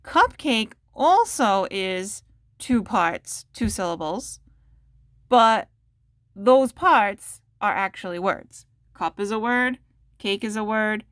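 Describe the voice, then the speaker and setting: A woman teacher takes young children through a phonics lesson at an unhurried pace, breaking each word into its parts and sounding them out one by one. She speaks patiently and checks in with questions for the listener. The recording is dry and close, with no room sound. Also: medium pitch, expressive, no room sound.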